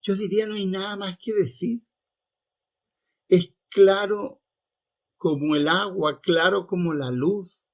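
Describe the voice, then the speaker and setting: A man delivers a sermon at an unhurried, deliberate pace, pausing over each phrase. His somewhat high voice has a gravelly, husky grain. He comments on scripture emphatically and repeats his points in a scolding way. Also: steady tone. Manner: reads quoted lines slowly and deliberately. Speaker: preacher and Bible teacher.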